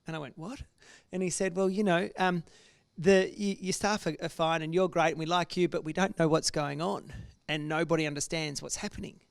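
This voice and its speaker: A man's voice: fairly high pitch, steady tone, moderate pace, creaky, few pauses, clean tone, no room sound, studio quality. A man, a business owner telling candid stories to an audience with many restarts. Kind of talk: casual talk to an audience.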